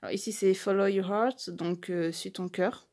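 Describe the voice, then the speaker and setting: A woman talking casually through an unboxing on her channel. She gushes over each small item, with lots of fillers and restarts, and slows down to stumble through English phrases. Her voice sits at a middle pitch. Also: steady tone, a little mellow. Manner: gushing, hesitant, many fillers and restarts. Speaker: YouTuber unboxing a tarot deck.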